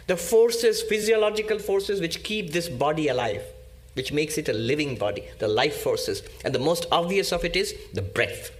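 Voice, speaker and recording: A man giving a spiritual discourse as a monk, teaching slowly and emphatically with pauses and repetition. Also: on the high side.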